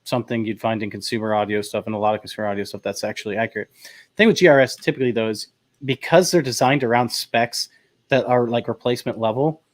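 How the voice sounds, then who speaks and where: A man's voice: mid-range voice, fast, no room sound. Man chatting casually in a dry room. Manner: relaxed, chatty, many fillers and restarts. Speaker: host. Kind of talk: casual chat about audio gear.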